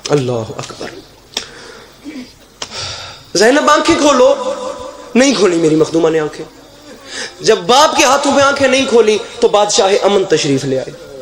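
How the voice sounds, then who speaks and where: Fervent high-voiced preacher in an echoey hall. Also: male voice, very animated. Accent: Pakistani Urdu. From Pakistan. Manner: declamatory and fervent, rising into emotional outcries. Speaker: zakir preaching at a mourning gathering. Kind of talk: impassioned majlis sermon. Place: live religious gathering in a hall. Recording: echoey hall over a PA system.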